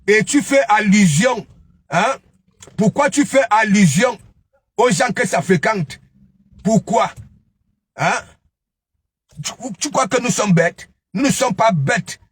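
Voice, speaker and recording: A man's voice: high-pitched, expressive, takes it slowly, pauses often, breathy edge, dry recording. A man giving a taunting, scolding commentary, mocking his target and repeatedly asking "hein?". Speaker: online gossip commentator. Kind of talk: ranting live commentary.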